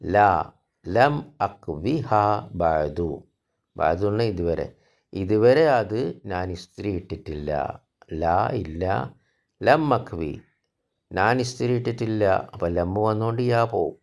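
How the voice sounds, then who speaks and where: A man's voice: low-pitched, lively intonation, measured pace, a little mellow. A male Arabic teacher who reads Arabic phrases aloud one by one and then translates and explains each. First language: Malayalam. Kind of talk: recorded grammar lesson explaining exercises.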